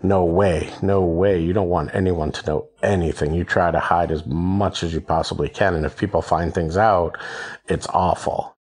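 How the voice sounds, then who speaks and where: A man with a very low voice speaks candidly in an interview. He talks in a reflective way. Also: steady tone, normal speed, darkish tone, slightly rough.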